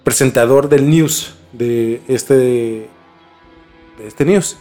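With music running beneath him, a podcast host recounts a story to his co-host in a conversational style, echoing phrases to stress them. He has a mid-range, dark-toned voice and draws out his words.

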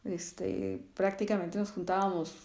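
A woman's voice: medium pitch, steady tone, unhurried, darkish tone. A woman telling a story in casual chat, with many fillers and frequent laughter. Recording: echoey room.

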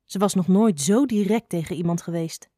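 Female narrator, calm storybook reading, dry close sound. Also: lowish voice, moderate pace, no room sound.

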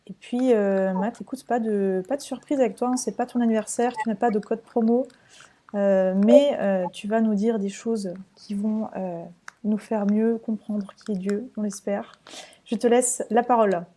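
A woman hosting a webinar, introducing the next speaker in a friendly, halting way, with fillers. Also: mid-range voice, steady tone, dark tone. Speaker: webinar host.

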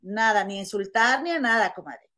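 A woman's voice: mid-range voice, brisk. A woman with a Mexican accent in casual chat, telling stories to a friend and calling her comadre. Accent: Mexican Spanish. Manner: animated storytelling, calls her friend comadre.

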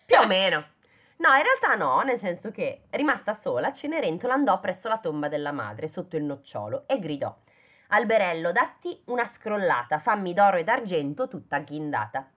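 A woman's voice: on the low side, sing-song, normal speed. Chatty woman reading a fairy tale, phone-like. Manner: reads then breaks off to joke and question the text. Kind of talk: casual chat, reading aloud with commentary. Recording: phone-like lo-fi audio.

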